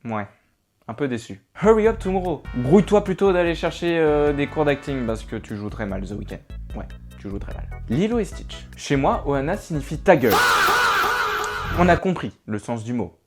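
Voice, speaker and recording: A young man giving a rapid-fire comic recap of films, with sarcastic, punchy one-liners. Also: a little high, sing-song, a little mellow, faint music behind. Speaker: film reviewer.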